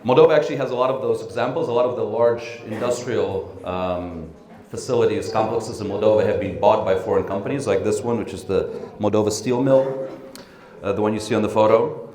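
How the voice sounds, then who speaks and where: A middle-aged man giving a training lecture, relaxed, with frequent ums and tag questions. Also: lowish voice, a little fast. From born in Russia, raised in the United States and the Netherlands. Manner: relaxed, frequent ums and uhs, asks "right?" often. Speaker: training speaker. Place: conference room. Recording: echoey room.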